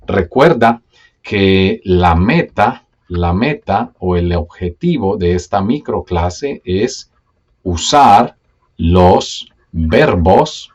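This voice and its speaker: A man teaching a slow grammar lesson step by step, patient and repeating key words as he checks in with the learner. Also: low-pitched, a little mellow, husky, highs cut off. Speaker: Spanish teacher.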